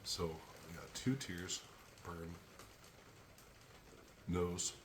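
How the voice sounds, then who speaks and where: A man reviewing a hot pepper on his own channel, talking slowly and thinking aloud between pauses while teary and sniffly from the heat. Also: low-pitched, slight background noise. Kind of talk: casual solo tasting review.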